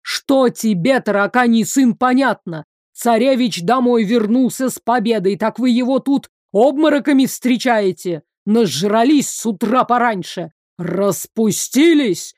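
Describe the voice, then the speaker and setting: Vyseslav, a woman doing a gruff, barking young prince. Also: on the high side, a little mellow, no echo, studio quality. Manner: gruff, barking insults, slow drawn-out delivery. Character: hot-tempered young tsarevich prince, bossy, shouting.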